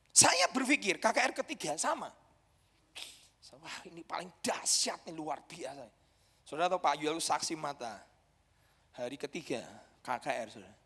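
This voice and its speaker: A man with an Indonesian accent preaching a sermon, emphatic and dramatic, with sudden loud peaks. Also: high voice, vocal fry, slightly rough. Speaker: pastor. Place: church hall. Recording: reverberant church hall.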